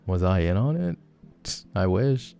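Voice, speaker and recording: Man playing a teasing, gravelly low-voiced flirty guy. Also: very animated, a little slow, mellow, faint music behind, heavily acted. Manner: teasing, playful, rambling. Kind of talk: flirty personal-attention role-play, casual chat.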